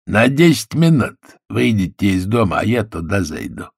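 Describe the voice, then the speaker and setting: A hoarse, swaggering gangster, put on by a male reader, drawling his slang with open mockery. The voice sits low with a gravelly edge. It is recorded close and dry. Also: very animated, moderate pace, no echo, full character voice. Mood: mocking.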